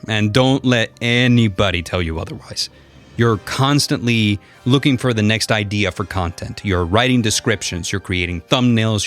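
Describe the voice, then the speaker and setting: A voice actor and content creator tells a personal story organized into numbered lessons, with an expressive, dramatic storyteller's delivery. His voice sits on the low side, and background music plays behind him.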